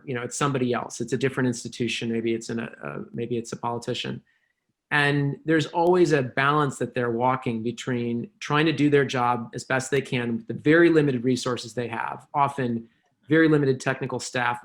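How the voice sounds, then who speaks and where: Mid-pitched male panelist, measured and explanatory. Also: a bit bright. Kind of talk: panel discussion.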